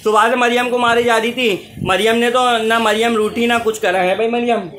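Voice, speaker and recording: A man's voice: extremely high pitch, steady tone, normal speed, a bit bright, a little hiss or hum. A man filming a casual family vlog at home, teasing and coaxing children in a playful way. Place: home indoors.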